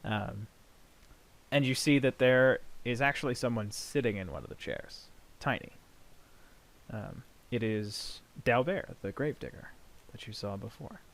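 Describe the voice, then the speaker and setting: A man narrating an improvised tabletop game as game master, in a measured, hesitant way. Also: mid-range voice, animated, gravelly.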